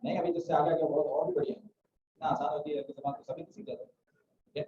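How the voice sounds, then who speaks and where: A man with a fairly high, flat voice teaches an Arabic grammar class fast, quizzing students and often asking "theek hai?" The audio is roomy and muffled from a distant mic, with background noise.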